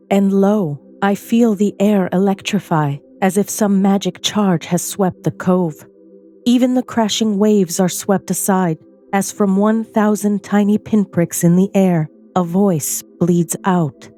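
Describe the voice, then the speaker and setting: Woman narrator for a verse audio drama, slow and mellow, measured and poetic, soft music beneath. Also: medium pitch. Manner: measured, poetic first-person telling.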